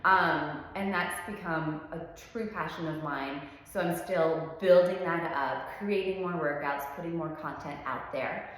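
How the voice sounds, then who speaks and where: Speaking unhurriedly in a low, fairly bright voice, a woman in her thirties introduces herself in a relaxed way. She's a pilates instructor originally from France, easygoing and openly enthusiastic, often saying um. The recording has the long reverb of a very echoey room.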